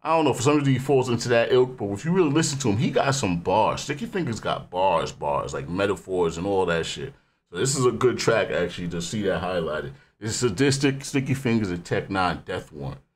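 A man hosting a music reaction channel who talks casually, rambling and animated, often dropping the word "man". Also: lowish voice, fairly quick, slight background noise.

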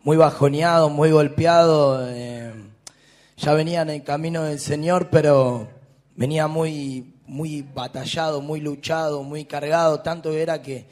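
Slow, hesitant man giving testimony. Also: on the high side, steady tone, darkish tone. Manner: downcast, hesitant. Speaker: church member giving testimony. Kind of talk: church testimony.

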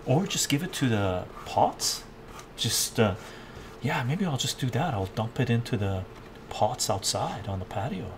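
Thinking out loud while he cooks, an older man answers his live-stream viewers from his home kitchen, moving about near a fixed camera microphone. His medium-pitched voice is very animated but measured in pace, and the background is noisy.

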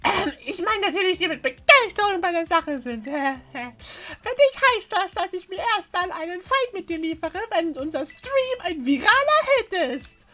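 A woman's voice: very high voice, sing-song, moderate pace, sharp tone, exaggerated voice. A woman voicing a bubbly, cute young anime streamer and gym leader from a video game, with a showy, hyper manner. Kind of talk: dubbing video game dialogue.

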